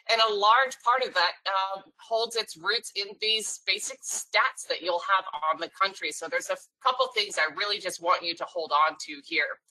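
A woman's voice: medium pitch, bright, forceful tone, poor audio. A woman from Norway giving a friendly, explanatory webinar presentation to travel agents, with a light sense of humor. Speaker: sales presenter for a cruise line.

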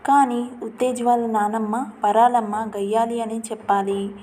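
A woman storyteller reads a family tale in a steady, even manner. Her voice is fairly high yet dark and mellow, and a faint hiss of noise sits under the recording. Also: normal speed. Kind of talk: scripted story narration.

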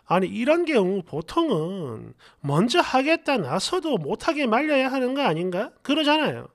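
A woman reading viewer comments aloud for a story channel, with brash, slangy, mocking remarks. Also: fairly high pitch. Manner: lively, animated delivery.

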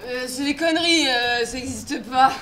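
A woman's voice: sits high, pushed and bright, a little hiss or hum. A woman playing a blunt, brash traveller. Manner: blunt, crude, quick-tempered. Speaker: amateur stage actor. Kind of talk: amateur stage play. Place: theatre stage.

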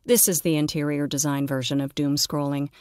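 A woman's voice: sits low, level tone, brisk, a little mellow, smooth, no room sound. A woman narrating a scripted audio story with wry, playful asides.

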